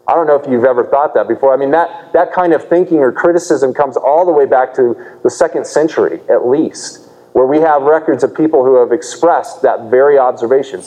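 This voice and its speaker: A man's voice: mid-range voice, warm tone, long reverb tail, poor audio. A man preaching a sermon as pastor, explaining a scripture passage earnestly and posing rhetorical questions to the congregation.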